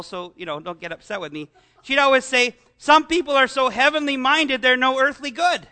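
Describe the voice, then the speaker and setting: A man's voice: high-pitched, pushed and bright. A man preaching a conversational sermon, full of asides and rhetorical questions to the congregation.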